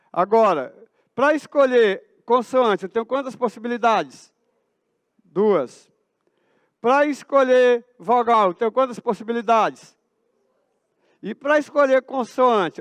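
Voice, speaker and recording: A man's voice: extremely high pitch, no echo. A Brazilian man teaching a math class in a school auditorium, asking his students questions and answering them himself. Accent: Brazilian Portuguese.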